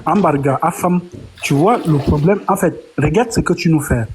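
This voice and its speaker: A panelist who calls the debate to order and reproaches another speaker. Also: male voice, a little high, normal speed, background noise. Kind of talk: heated online panel debate.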